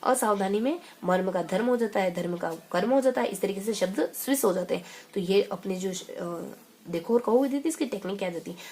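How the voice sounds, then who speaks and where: A woman teaching an exam-prep lesson with a slightly breathy, husky voice. She talks in a chatty, lively way, repeats key phrases and slips in quick asides. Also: mid-range voice.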